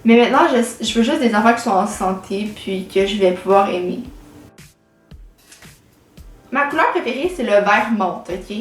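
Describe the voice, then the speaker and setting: Speaking a little quickly with lively intonation and a medium pitch, this teenage Québécois vlogger chats to camera in her late teens. She leans on lots of fillers and anglicisms, recorded in a room with echo and soft background music.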